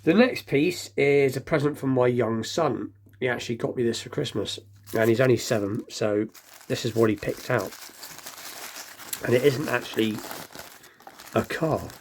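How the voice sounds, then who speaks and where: Man, slight lisp from a bitten tongue, casual hobby host, understated, rambling, medium pitch. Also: moderate pace, long pauses, darkish tone. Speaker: host of a diecast toy collecting show. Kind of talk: casual collector show-and-tell.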